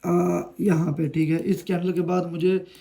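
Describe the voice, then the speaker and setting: A man's voice: high voice, flat delivery, a little slow, creaky, warm tone. A man teaching trading in a casual screen-share lesson, chatty and affectionate, often pleading with viewers to like and comment. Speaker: trading tutor.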